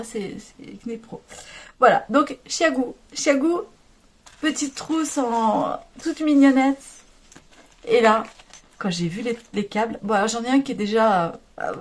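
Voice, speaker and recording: Brief: French woman vlogger, chatty and rambling, laughs a lot, fairly high voice, casual home chat. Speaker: knitting vlogger.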